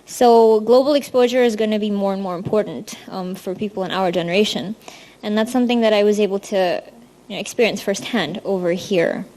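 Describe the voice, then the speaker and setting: A woman's voice: medium pitch, darkish tone. A young woman from India stands before an audience and talks about her university life. Her delivery is loose and friendly, sprinkled with ums and small restarts, like a student presenting to a room. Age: young adult. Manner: casual, frequent ums, friendly. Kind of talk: presentation talk.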